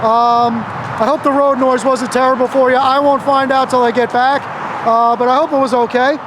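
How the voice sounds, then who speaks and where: High-voiced American man in his fifties, road noise. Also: flat delivery, normal speed. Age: 50s. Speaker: First Amendment auditor and videographer. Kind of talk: casual on-the-street talk and commentary to camera. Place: outdoors beside a busy road. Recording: outdoors with clear road and traffic noise.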